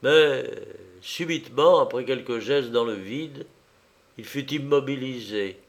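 A man narrating a novel as an audiobook in a measured, dramatic way. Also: medium pitch.

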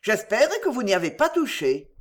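A narrator voicing a brisk, commanding lady of the house who speaks with matter-of-fact authority, in an audiobook reading. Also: mid-range voice, sing-song, natural voice.

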